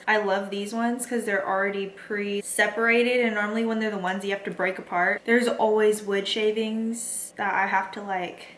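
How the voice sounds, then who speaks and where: A woman's voice: mid-range voice, echoey room. A young woman vlogger telling childhood stories in a chatty, laid-back way while she eats. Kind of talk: casual storytelling while eating.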